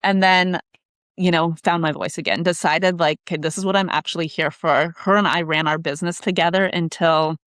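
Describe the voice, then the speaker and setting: A woman's voice: fairly low pitch, fairly even intonation, a little fast, a bit bright, no echo, clean studio sound. A woman guest on a podcast talking candidly about her coaching work, blunt and emphatic and swearing freely. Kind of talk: candid conversational interview. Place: in Canada.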